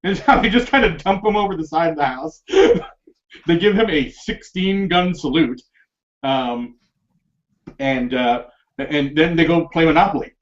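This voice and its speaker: Rambling higher-voiced man on a podcast. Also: measured pace. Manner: rambling, many fillers and restarts, laughs often. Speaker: podcast host. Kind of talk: casual film discussion. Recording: dull lo-fi podcast recording.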